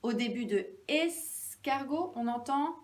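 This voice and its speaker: A woman teacher giving a lesson to young children, speaking slowly and clearly, stretching out syllables and encouraging them. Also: on the high side, very animated, far from the mic.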